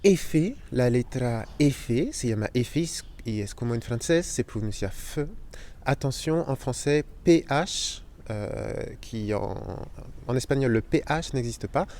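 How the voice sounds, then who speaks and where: A man's voice: mid-range voice, animated, darkish tone, slight background noise. Man teaching Spanish letters. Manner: explains slowly, spelling out sounds and repeating them. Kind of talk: language lesson.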